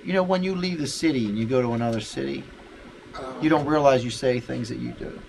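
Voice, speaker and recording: A man's voice: medium pitch, fairly quick, vocal fry, a little mellow. A man with a Pittsburgh accent in a casual interview, talking in a folksy way and repeating his phrases. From Pittsburgh, United States. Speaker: shop owner being interviewed. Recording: noisy location with vehicle ambience.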